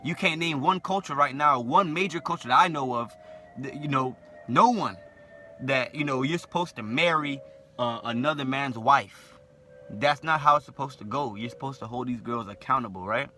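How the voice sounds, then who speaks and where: Faint music plays behind a young vlogger with a lisp as he speaks to camera at a moderate pace. His mid-range voice has a sharp edge, and his blunt, opinionated monologue repeats itself, nearly every line ending in "right?"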